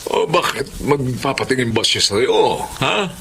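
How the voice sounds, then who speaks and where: Older Filipino father: slow, gravelly, halting, loving and frail, melodrama with heavy music behind. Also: medium pitch, animated, fairly bright tone, slight background noise. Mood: evasive, flustered. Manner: halting, hesitant, tender.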